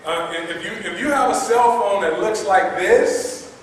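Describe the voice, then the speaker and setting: A man preaching a sermon as pastor, lively and playful, repeating words for emphasis and quizzing the congregation in a chatty way. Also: sits high, normal speed, slight background noise. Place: church hall. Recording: echoey hall from far off.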